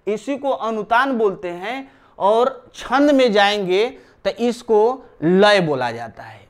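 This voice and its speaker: A man teaching a live online grammar class, explaining step by step and repeating key terms while he writes on a board. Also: high voice.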